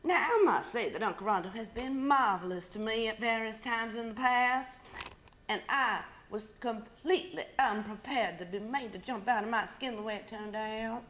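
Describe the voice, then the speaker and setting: A woman reads a story aloud, her high voice lively and expressive with an aggrieved edge. She takes her time over each phrase, and the sound carries a roomy echo. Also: slight background noise. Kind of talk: dramatic story reading.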